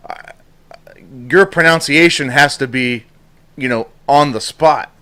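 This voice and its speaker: A man's voice: on the high side, unhurried, sharp tone. A man co-hosting an interview, asking questions in a casual, rambling, self-deprecating way. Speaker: interview co-host.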